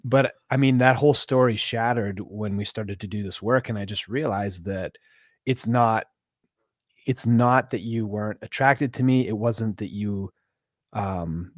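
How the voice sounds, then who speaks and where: A man co-hosts a candid, casual conversation in a fairly low voice. He speaks openly and self-reflectively, often pausing and restarting his thoughts. The sound is close and dry. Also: dry recording. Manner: open, self-reflective, halting. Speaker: podcast co-host. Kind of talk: candid casual chat about marriage.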